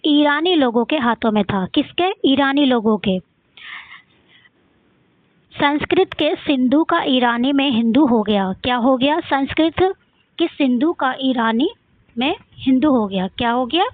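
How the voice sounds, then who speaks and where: A woman with a Rajasthani accent and a high-sitting voice teaches an exam-prep lesson, asking questions and answering them herself while repeating key points. The audio is dry and phone-like, with no room sound.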